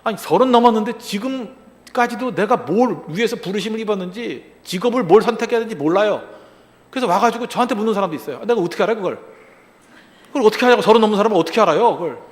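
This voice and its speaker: Male pastor, high and lively voice, animated sermon full of rhetorical questions, long reverb of a large hall. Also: racing. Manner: acts out short quoted lines in other voices.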